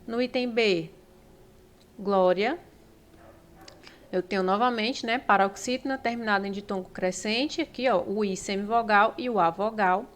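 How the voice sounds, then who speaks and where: A woman's voice: medium pitch, moderate pace, few pauses. A woman with a Brazilian accent teaching Portuguese grammar for exam prep, explaining step by step and checking in often with the listener. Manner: explanatory, frequent "né?" and "ó" check-ins.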